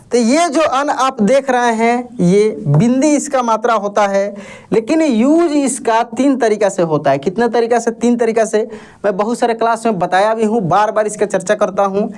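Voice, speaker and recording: A man teaching an online lesson, patiently asking questions and answering them himself while reassuring learners. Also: very high-pitched. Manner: reassuring, tells learners not to worry. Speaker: Hindi teacher.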